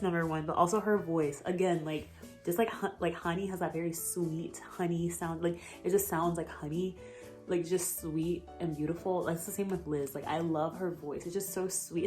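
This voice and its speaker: A woman's voice: fairly low pitch, moderate pace, a little mellow, soft background music. A young American woman chatting casually in a vlog, rambling and gushing with lots of fillers and giggles. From United States. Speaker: vlogger. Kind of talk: casual chat.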